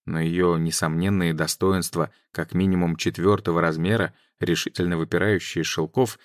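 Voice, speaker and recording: A man reads an audiobook in a very deep, low voice, even and measured. The sound is dry and close to the mic. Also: no room sound. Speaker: audiobook narrator. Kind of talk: scripted narration.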